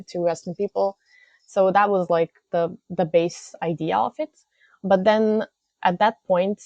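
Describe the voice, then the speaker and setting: A young woman from Serbia answers interview questions in a low, warm, relaxed voice. She pauses often and restarts her sentences. The sound is dull and lo-fi, recorded close and dry. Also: no room sound. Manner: hesitant, many fillers and restarts. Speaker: guest, games news editor. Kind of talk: casual interview chat.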